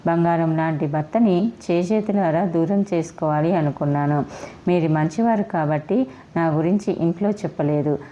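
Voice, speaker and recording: This is an earnest, apologetic young wife begging forgiveness, read by a woman. Her voice sits low and warm. The storybook recording sounds dull and lo-fi. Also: normal speed, natural voice. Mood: remorseful. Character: young wife, remorseful and pleading. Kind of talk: storybook reading.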